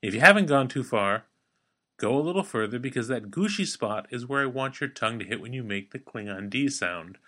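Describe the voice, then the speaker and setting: A man hosting a daily language-lesson podcast, teaching in a playful, wry way and slowing down to model sounds for the listener. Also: medium pitch, lively intonation, pushed and bright. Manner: slows down to spell out and model pronunciation.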